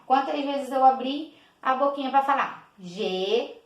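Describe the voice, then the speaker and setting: A woman teacher gives a patient children's lesson, clapping out each syllable slowly and repeating words. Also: high-pitched, level tone, highs cut off. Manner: slow, clapping out each syllable, many diminutives. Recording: echoey room.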